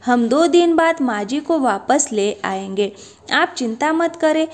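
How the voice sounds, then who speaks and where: A woman voicing a gentle young daughter-in-law who pleads softly in a spoken story. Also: high-pitched, lively intonation, measured pace. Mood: pleading gentle. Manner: soft, pleading.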